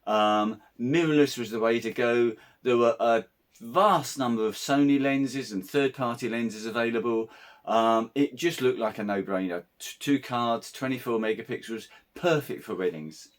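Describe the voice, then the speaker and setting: A man with a slightly croaky voice, a wedding photographer giving a casual, meandering camera review vlog. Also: mid-range voice, normal speed. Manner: conversational, meandering.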